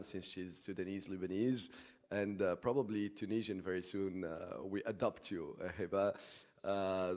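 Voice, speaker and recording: Male moderator, lowish voice, halting intro full of fillers. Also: mellow. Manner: halting, many "uh" fillers, then rouses the crowd. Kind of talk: introducing a speaker at a conference. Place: conference stage in Tunis.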